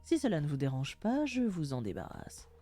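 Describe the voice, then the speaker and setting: A woman voicing an aged male wizard in a video game, speaking slowly and formally in a lowered voice. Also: wildly swooping pitch, mellow, faint music behind, heavily acted. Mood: solemn. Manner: slow, solemn lowered delivery.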